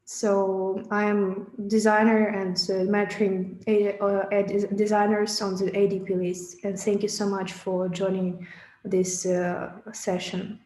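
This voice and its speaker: A woman introducing herself as a designer and mentor, halting, with many "uh" fillers. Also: mid-range voice, flat delivery, darkish tone, a little hiss or hum. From Ukraine. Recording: echoey room.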